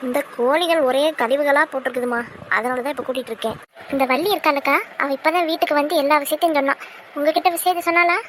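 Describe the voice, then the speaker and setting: A woman's voice: high-pitched, steady tone, fast, a little hiss or hum, lightly acted. A woman voicing an eager village neighbour in a cartoon, passing on gossip.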